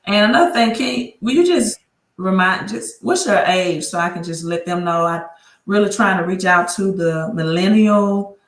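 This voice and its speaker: Speaking at a normal speed in an animated, mid-range voice, this woman runs a laid-back credit livestream from her laptop's built-in mic. She's chatty, frequently starts sentences over, and keeps talking as she sorts out technical issues, all in a roomy-sounding space.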